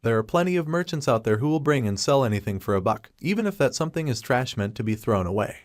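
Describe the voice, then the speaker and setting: Guy reading a story recap, even steady voice, mid pitch, dead dry no room sound. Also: fast talker, no echo. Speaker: recap narrator. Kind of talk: scripted narration.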